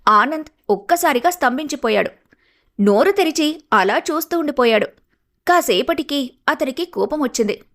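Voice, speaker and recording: A woman's voice: high-pitched, expressive, normal speed, a bit bright. A woman narrating a scripted cartoon story in a dramatic storytelling manner.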